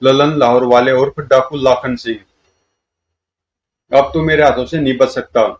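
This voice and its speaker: A man's voice: medium pitch, steady tone, normal speed, natural voice. A man doing a fierce commanding heroine. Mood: accusing. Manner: commanding, interrogating. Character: fierce female masked vigilante, commanding.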